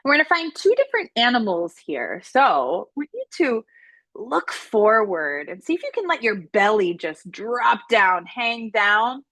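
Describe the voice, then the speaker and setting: A woman leads children through yoga poses at an unhurried pace, her voice slightly high and kind. She talks in playful, encouraging cues. The sound is close and dry, with no room around it. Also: big pitch swings, fairly bright tone, dry recording. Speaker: yoga instructor. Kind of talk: guided kids' yoga instruction.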